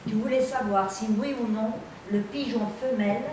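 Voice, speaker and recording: An actress playing a dry, precise woman who speaks with deadpan, formal wit. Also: fairly high pitch, normal speed, lightly acted. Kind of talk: stage comedy scene. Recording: distant mic in an echoey theatre, audience noise.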